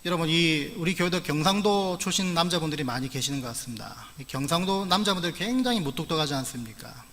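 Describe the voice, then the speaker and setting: Bright-voiced pastor preaching in a reverberant church. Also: male voice, fairly high pitch, animated, fast. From Gyeongsang region of Korea. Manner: earnest preaching with humorous asides. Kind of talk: sermon. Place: church sanctuary. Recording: long church-hall reverb.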